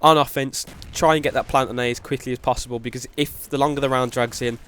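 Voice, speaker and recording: A young gaming commentator with a cold gives gameplay tips in a quick, even, flat delivery, his mid-range voice sounding nasal and often repeating "very, very". Faint gunfire and explosions from the game play behind him, along with a little hiss or hum.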